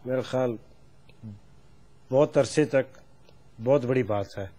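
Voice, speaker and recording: A man's voice: medium pitch, dark tone. A man who is a lawyer, a talk show guest speaking emphatically and repeating his points. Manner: emphatic, repetitive. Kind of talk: political debate.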